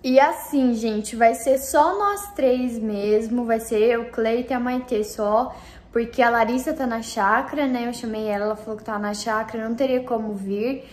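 A woman's voice: fairly high pitch, moderate pace, soft background music. A young Brazilian woman vlogging at home in a chatty, casual way, full of cute diminutives. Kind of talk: casual vlog chat.

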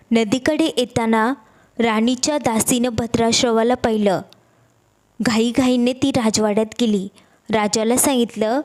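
A woman narrating a devotional folk tale in a steady, plain reading voice. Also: on the high side. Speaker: storyteller.

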